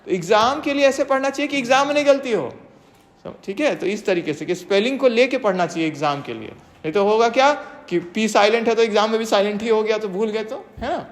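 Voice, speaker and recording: A teacher in a steady lecture mode, spelling out each definition slowly before unpacking it. Tag questions keep coming to make sure everyone is following. The voice sits at an ordinary pitch, and a long reverb trails after every phrase. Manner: reads English definitions slowly, then explains them in Hindi; checks understanding with frequent tag questions. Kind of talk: exam-prep classroom lecture. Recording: long reverb, echoey room.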